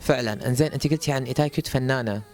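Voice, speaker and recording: A man's voice: mid-range voice, racing, darkish tone, soft background music. A man hosting a casual chat, playful and teasing with his guests. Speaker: host.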